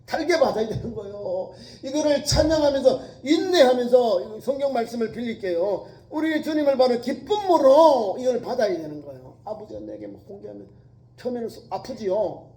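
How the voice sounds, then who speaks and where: A man's voice: very high-pitched, lively intonation, moderate pace, dark tone, rough recording. A male pastor preaching a sermon with emphasis, repeating phrases and acting out quoted lines.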